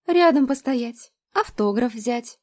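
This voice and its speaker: A lovestruck, dreamy young woman, as a female audiobook reader puts her on, gushing about her idol in bright high tones. She swings from breathy, drawn-out swooning to eager pleading. Her voice sits well above the reader's own and carries extra force. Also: lively intonation.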